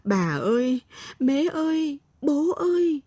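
A woman's voice: a little high, animated, takes it slowly, mellow, husky, dry recording, pitched above the performer's own voice, exaggerated voice. A woman voicing a frightened young village girl. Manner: crying out, chanting a spell.

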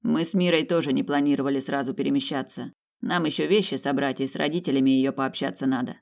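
An audiobook reader voicing a calm male duke of darkness, speaking evenly. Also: medium pitch, quick pace, vocal fry, close to an everyday voice.

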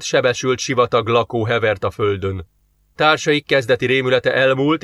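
Narrator: man, mid-pitched, steady storytelling, dry close-mic sound. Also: no room sound. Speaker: audiobook narrator. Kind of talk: scripted narration.

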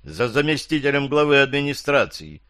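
A man's voice: medium pitch, sing-song, normal speed, a bit bright, clean tone, no echo, pitched above the performer's own voice. A male audiobook reader voicing an exasperated male investigator with a dry, curt manner. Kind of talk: audiobook character voice.

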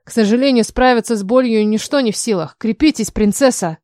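A nervous male court healer explains his work in a fussy, businesslike manner, as a woman reads him in a storybook. The voice is fairly high and the recording dry. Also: a little fast, darkish tone, no room sound, lightly acted.

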